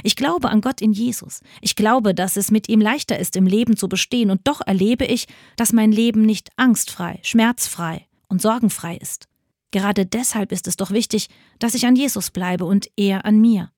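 A woman of middle pitch delivers a scripted spiritual reflection in a personal, earnest voice. The recording is close and dry, with no room echo. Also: moderate pace, warm tone. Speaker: devotional speaker.

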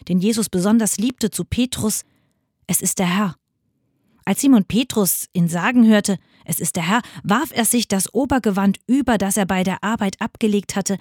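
A woman reading Bible passages aloud in a radio church service, measured and expressive. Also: mid-range voice, no echo, studio quality. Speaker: scripture reader.

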